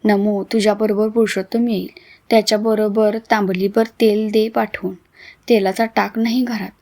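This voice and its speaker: Woman doing a frail, gentle mother, soft and weary, storybook reading, mid pitch. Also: little pitch movement, normal speed, natural voice. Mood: tender.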